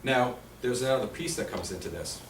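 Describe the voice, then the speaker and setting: This insurance presenter speaks a little fast in a mid-range voice with big swings in pitch. He's chatty and quizzes his audience during a conversational seminar at a seniors' residence meeting room, captured in a distant, roomy recording with faint hiss.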